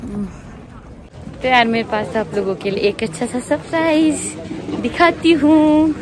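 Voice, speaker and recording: A young woman talks loudly and chattily to the camera while walking outdoors, vlogging casually. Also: a little high, lively intonation, moderate pace. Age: young adult. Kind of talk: casual vlog chat. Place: outdoors in a busy town street. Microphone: handheld phone camera, no mic. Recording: outdoor phone recording with crowd noise. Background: crowd chatter.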